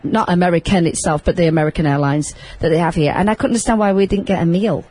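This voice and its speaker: A woman hosting a show, chatting loudly and laughing often. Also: lowish voice, quick pace, slightly rough, no echo, poor audio. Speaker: host. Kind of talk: casual chat.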